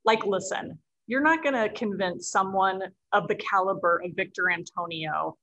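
A woman who writes and publishes on sales offers advice as a guest in a relaxed chat, stressing her points and frequently answering her own questions. She speaks at a moderate pace in a medium-pitched, fairly bright voice, and the recording is rough.

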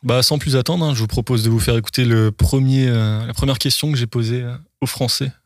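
A man's voice: mid-range voice, fairly even intonation, brisk. A man, hosting a casual podcast. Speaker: podcast host. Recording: prominent music behind the voice.

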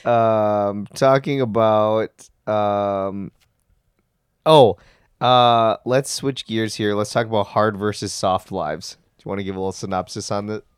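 A man's voice: on the low side, fairly even intonation, measured pace, smooth, no room sound, studio quality. A man co-hosting a podcast in casual chat, full of joking, needling banter. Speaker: podcast co-host.

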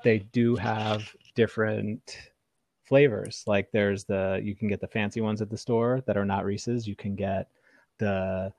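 A man's voice: lowish voice, level tone, measured pace, a little mellow. A man in a casual chat, easygoing and rambling, often restarting his sentences. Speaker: podcast co-host.

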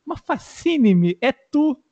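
High-voiced Brazilian streamer, slangy and loose. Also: male voice, very animated, takes it slowly, warm tone, highs cut off. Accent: Brazilian Portuguese. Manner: loose, slangy and profane, with many fillers. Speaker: streamer hosting his channel. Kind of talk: casual chat.

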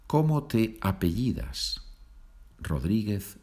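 A man teaching a podcast language lesson, repeating phrases slowly for learners. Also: on the low side, big pitch swings, dark tone. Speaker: Spanish teacher.

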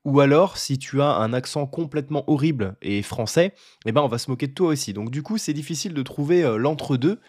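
A young French man giving a casual talk to camera about learning languages, often pausing on fillers and restarting his sentences. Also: medium pitch, expressive, darkish tone, slightly rough, no echo, clean studio sound. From France. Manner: hesitant, many fillers and restarts.

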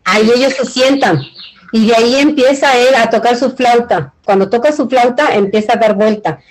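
A middle-aged or older woman with a Mexican accent, invited as a community leader, gives an informal cultural presentation in an earnest, rambling, colloquial way. Her voice is fairly high, at a moderate pace, and the recording is low-quality.

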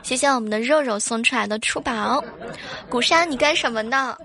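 A woman's voice: a little high, a little fast, pushed and bright. A woman hosting a live stream, bubbly and chatty, laughing often. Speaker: livestream host.

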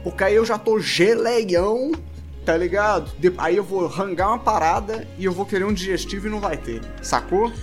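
A man with a Brazilian Portuguese accent, co-hosting a podcast and telling stories in animated street slang. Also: sits high, normal speed, faint music behind. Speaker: podcast co-host. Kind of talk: casual podcast chat.

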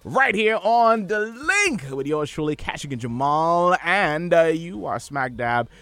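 Lively radio host, pitch swooping up. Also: male voice, a little slow, no room sound. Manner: hype-man delivery, swooping pitch. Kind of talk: radio show hosting. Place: radio studio.

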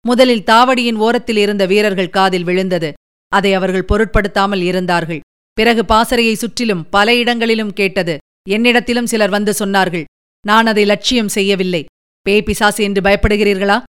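A woman narrating a novel in a measured, deliberate storytelling manner. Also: mid-range voice, steady tone, clean tone. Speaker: audiobook narrator.

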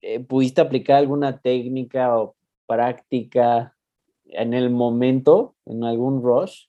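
A man's voice: medium pitch, fairly even intonation, slow, phone-quality sound. A man hosting an interview, asking questions in a supportive, reassuring way.

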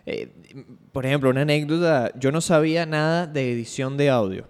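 A man's voice: a little high, brisk, darkish tone, clean tone. A man co-hosting a sports podcast in casual chat, easygoing and restarting his sentences often. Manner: easygoing, many fillers and restarts. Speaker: podcast co-host and editor. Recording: reverberant room.

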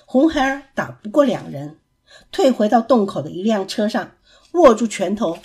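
A woman narrating a classic tale for children in a lively, expressive storybook reading. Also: medium pitch, normal speed, slightly rough.

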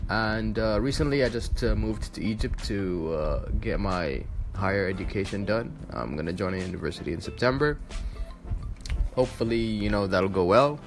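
Rambling young man, lowish voice. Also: animated, normal speed, music in the background. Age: 20s. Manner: rambling, filler-heavy, restarts often. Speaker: vlogger. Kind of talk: casual talk to camera.

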